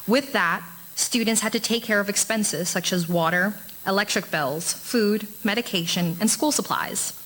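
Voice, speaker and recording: A young woman from Brazil, a student presenter reading a prepared group presentation in a steady, careful way. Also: medium pitch, poor audio.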